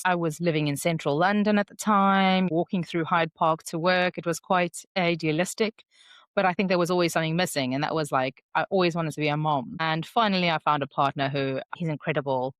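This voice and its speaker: Low-voiced woman podcaster. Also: brisk, clear, resonant tone, no room sound, clean studio sound. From South Africa. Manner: candid, reflective, conversational. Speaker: podcast host. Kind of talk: solo podcast monologue.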